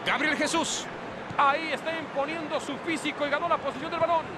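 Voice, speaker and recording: An energetic male play-by-play announcer in a football video game. His voice is very high, with loud stadium noise behind it. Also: a little fast. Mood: engaged. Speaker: lead play-by-play football commentator.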